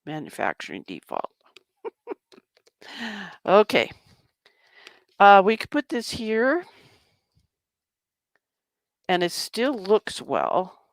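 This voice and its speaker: A woman's voice: mid-range voice, wildly swooping pitch, very slow, pauses often, dry recording. A woman casually demonstrating a journal-making craft project, chatting to herself as she works. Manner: chatty, talks to herself while working. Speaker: craft vlogger.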